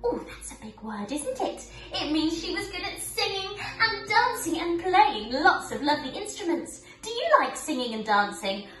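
Speaking at normal speed with hardly any pauses, a young pre-school ballet teacher addresses small children in a very high-pitched, sing-song, slightly bright voice. She plays the overbright kids' party host through lesson and storytelling, asking coaxing questions and letting out exaggerated oohs. Recorded by a camera a few metres away in a living room with a wooden floor, the sound has roomy echo and faint music.

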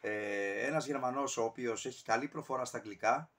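A man's voice: mid-range voice, fairly bright tone. A man casually ranking albums on camera, talking in a rambling, digressive way with many fillers and self-corrections. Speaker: music reviewer.

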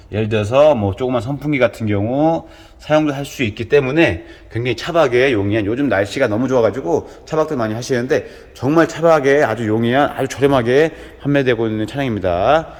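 A man presenting a used car as a dealer in a walkaround sales pitch, with smooth salesman patter, going item by item. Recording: long reverberant echo.

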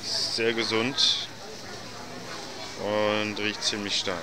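Slow-talking man filming in a supermarket. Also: lowish voice. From Germany. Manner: relaxed, unhurried, commenting as he walks. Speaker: vlogger. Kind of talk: handheld shop tour narration. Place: large supermarket indoors. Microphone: handheld camera mic. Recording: loud store noise behind. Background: supermarket bustle.

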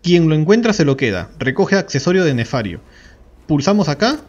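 A man's voice: fairly high pitch, big pitch swings, a little fast, a little mellow, muffled recording. A man giving a casual game tutorial, explaining step by step and often checking in with listeners. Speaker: gaming YouTuber.

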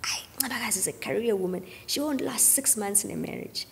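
Speaking fast with vocal fry at medium pitch, a thirtysomething gospel singer reflects earnestly on faith for a podcast, frequently dropping to a near-whisper on important points. The boom-arm studio mic picks up a large-hall sound and a little hiss or hum.

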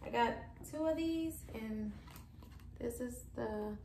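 A woman's voice: fairly high pitch, slow pace, gravelly, dark tone, slight background noise. A woman in her thirties casually chatting through a shopping haul in her living room, filmed by a camera across the room. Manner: chatty, showing items one by one. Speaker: vlogger. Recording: echoey room.

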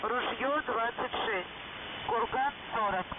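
A radio operator reading out a coded message over a shortwave radio, saying each word and number group twice in a flat reading. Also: medium pitch, slow pace. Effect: heard over a shortwave radio. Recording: distant tinny shortwave radio with loud hiss.

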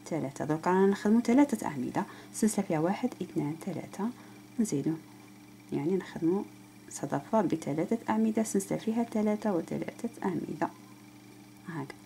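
A woman's voice: fairly low pitch, expressive, quick pace, creaky, warm tone, a little hiss or hum. A woman with an Algerian Arabic accent teaching crochet step by step, counting stitches aloud and speaking straight to the viewer. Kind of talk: step-by-step craft tutorial.

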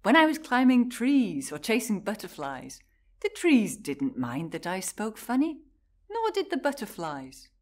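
A woman giving a prepared personal talk, telling her story in measured, deliberate short phrases. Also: mid-range voice, huge pitch swings.

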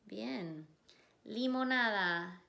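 Woman teacher drilling syllables with kids, super slow and careful, each word spaced out. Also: mid-range voice, gravelly, bright, forceful tone. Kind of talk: phonemic awareness drill for children.

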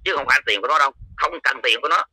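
A man's voice: mid-range voice, very fast, sharp tone, breathy edge, dry recording, poor audio. A man with a Southern Vietnamese accent, a lay follower of a religion, giving a heated, coarse, confrontational rant. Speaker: Cao Dai lay follower.

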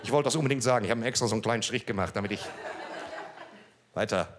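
A middle-aged man tells his story in a dry, deadpan way, reading from a page into a handheld mic. He now and then breaks off to banter with the audience. The sound is a small club stage with faint noise behind. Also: on the low side, very fast. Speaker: comedian. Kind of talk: stand-up storytelling read from a page.

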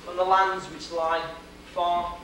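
Recorded on a noisy old video by a far camera in an echoey hall, a young Welshman gives a playful, theatrical history lecture before a projection screen. His voice is high-pitched with little pitch movement, and he speaks at a slow pace, in a Welsh accent.

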